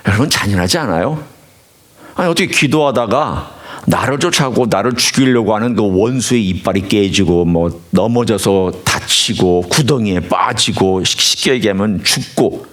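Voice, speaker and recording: A male pastor giving a sermon in a church, preaching with animation and putting questions directly to the congregation. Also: medium pitch. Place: church sanctuary.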